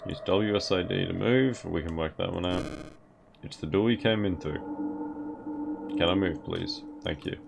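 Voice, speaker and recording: A man's voice: low-pitched, normal speed, gravelly, pauses often, background noise. A man hosting a gaming video with casual let's play commentary.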